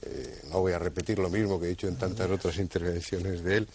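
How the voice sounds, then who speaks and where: A man from Spain hosting a studio discussion, talking in a measured, thoughtful way with frequent hesitations. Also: sits low, fairly even intonation, darkish tone, a little hiss or hum. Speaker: TV talk show host.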